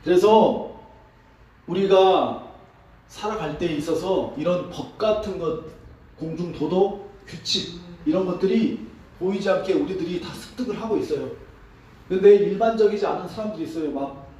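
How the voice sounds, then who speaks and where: A man preaching as a pastor, asking his congregation questions in a relaxed, conversational sermon. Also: high-pitched, moderate pace, pauses often. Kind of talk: interactive sermon. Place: church sanctuary. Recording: echoey hall, distant mic.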